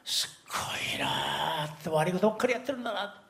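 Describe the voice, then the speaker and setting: Older pastor telling a lively sermon story. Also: male voice, fairly high pitch, fast, vocal fry. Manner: animated storytelling, often laughing.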